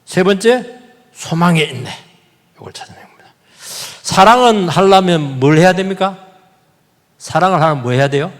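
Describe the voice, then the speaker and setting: Male pastor, sermon, animated delivery, rising and falling pitch, repeats words, questions the congregation, reverberant church hall. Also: moderate pace, pauses often. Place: church sanctuary.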